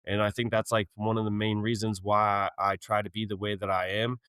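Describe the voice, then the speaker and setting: A man's voice: on the low side, flat delivery, a little fast, fairly bright tone, smooth, no room sound, clean studio sound. A man being interviewed on a podcast, talking openly and earnestly in a casual, slangy way. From Arizona. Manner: open, earnest, vulnerable, uses slang like "dope" and "yo". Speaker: storm chaser guest.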